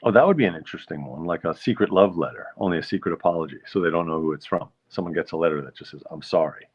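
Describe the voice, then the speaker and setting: A man with a deep, breathy-edged voice races along as he hosts a casual stream, reading viewer comments aloud and musing on them in a wry, easygoing way. The recording is dull and lo-fi.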